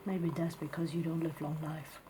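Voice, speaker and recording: A woman playing a blunt, teasing palm reader in an ASMR role-play, with a Singaporean or Malaysian English accent, clipped grammar and deadpan, musing delivery. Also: sits low, moderate pace, close to an everyday voice. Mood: pondering, teasing. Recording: clear steady background noise.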